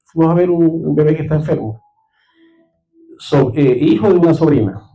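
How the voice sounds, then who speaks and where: A male pastor preaching a sermon in a high, warm, mellow voice. He tells stories from the pulpit and keeps asking the congregation if they are following. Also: normal speed, low-quality recording. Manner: storytelling preacher who checks in with the congregation. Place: church service.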